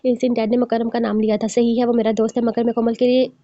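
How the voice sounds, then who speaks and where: A woman voicing a possessive, teasing young husband in a fast-read audio novel, recorded dull and dry. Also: fairly high pitch, flat delivery, warm tone, no echo, natural voice. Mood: earnest.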